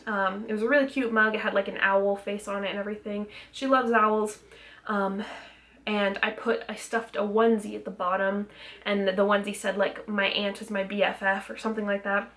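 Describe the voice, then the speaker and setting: A woman's voice: mid-range voice, little pitch movement, a little fast, fairly bright tone. A young woman talking casually in a vlog, a little out of breath, rambling with lots of ums, restarts and small laughs. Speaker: vlogger.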